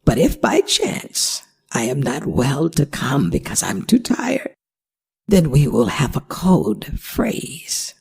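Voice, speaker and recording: For an ASMR audio drama, a performer plays a gentle, worried older werewolf mother, giving earnest instructions in halting, pleading phrases. The voice is mid-range, creaky and breathy-edged, with an exaggerated delivery.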